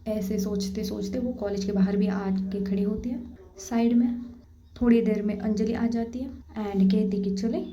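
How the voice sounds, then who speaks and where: A woman's voice: mid-range voice, fairly even intonation, measured pace, dark tone. Woman telling a story in a roomy, muffled recording. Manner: voices the characters' dialogue herself. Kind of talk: casual spoken storytelling.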